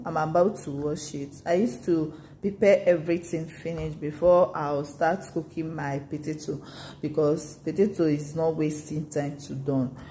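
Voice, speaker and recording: A woman's voice: low-pitched, dark tone, reverberant, slight background noise, poor audio. A woman in her thirties chatting casually to camera in a home kitchen as she cooks for her vlog. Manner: chatty, talks straight to camera while cooking. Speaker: vlogger.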